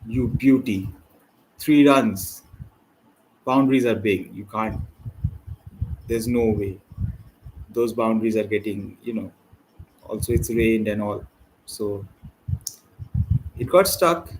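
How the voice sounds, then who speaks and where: A man's voice: lowish voice, slow, pauses often, slight background noise, poor audio. Chatty man hosting a cricket watchalong. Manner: rambling, chatty, slangy; excitable bursts over play. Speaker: watchalong host. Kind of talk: casual live cricket commentary.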